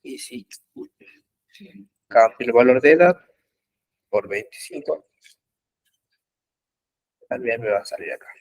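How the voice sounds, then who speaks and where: Speaking through his computer mic, this man teaches a live online web development class. He walks through code slowly and haltingly, leaning on frequent pauses and fillers. His mid-range voice is expressive, and the recording sounds dry.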